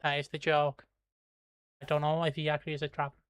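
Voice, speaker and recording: Here the Kildare host talks quickly in a smooth, mid-range voice that barely moves in pitch, recorded dry. Rambling through viewer comments on his livestream, he swears, laughs, and breezily slips in plugs for his merch, all in an Irish accent from Ireland.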